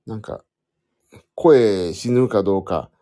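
Speaking slowly in a lowish, dark-toned voice, a man hosts a casual solo podcast for listeners. He fiddles with his phone as he thinks out loud, rambling and correcting himself.

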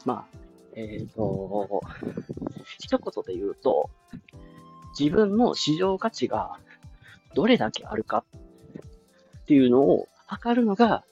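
A man in his twenties with a Kansai accent, chatting casually as a podcast host with lots of fillers. He talks outdoors, and his voice booms back in a strong echo. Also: big pitch swings, slow, vocal fry, long pauses, darkish tone, dull audio, soft background music. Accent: Kansai Japanese. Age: 20s. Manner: rambling, filler-heavy, chatty. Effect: strong booming echo of a resonant outdoor spot. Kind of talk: casual solo talk. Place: outdoors, with passing motorbikes and cars.

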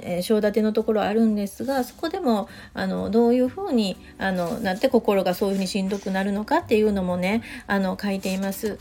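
A woman's voice: medium pitch, dark tone. A middle-aged woman, a counselor talking in a casual podcast monologue that rambles along with plenty of fillers. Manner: rambling, full of fillers, chatty asides.

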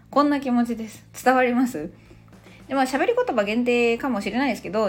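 Animated woman teaching on a podcast. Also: medium pitch. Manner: playful, chatty explainer. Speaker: English teacher and podcast host. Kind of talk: casual podcast language lesson.

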